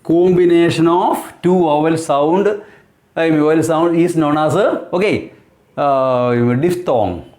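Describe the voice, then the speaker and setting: A man teaching a class and pronouncing vowel sounds. He repeats words slowly and keeps asking his students questions. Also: fairly high pitch, darkish tone. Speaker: English teacher. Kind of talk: classroom lesson at a blackboard. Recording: roomy echoing classroom.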